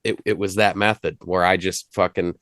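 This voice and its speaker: A man's voice: deep voice, level tone, moderate pace, a bit bright, no room sound, studio quality. A man hosting a casual music chat, loose and profane, trailing off and restarting his thoughts. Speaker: host.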